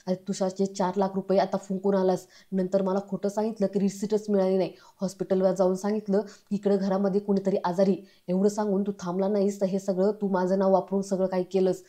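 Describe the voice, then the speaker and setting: A woman reading the lines of a stern older man who scolds a young man for lying, in a flat, mellow voice. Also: mid-range voice, close to an everyday voice. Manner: scolding, reproachful.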